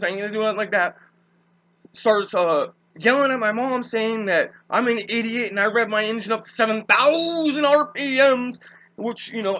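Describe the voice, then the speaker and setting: A man's voice: high voice, pushed and bright, low-quality recording. A young man, rambling casually with many fillers and swear words as he tells his side of a dispute.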